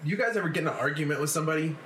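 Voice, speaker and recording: A man's voice: fairly high pitch, animated, very fast, a bit bright. A man co-hosting a casual podcast, telling profane stories and laughing as he talks. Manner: profane storytelling, laughs mid-sentence. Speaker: podcast co-host. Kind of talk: casual group banter. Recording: echoey room with faint noise.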